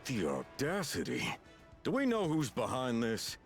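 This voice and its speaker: A man's voice: medium pitch, huge pitch swings, measured pace, faint music behind. A man voicing a stern, indignant authority figure in a game story.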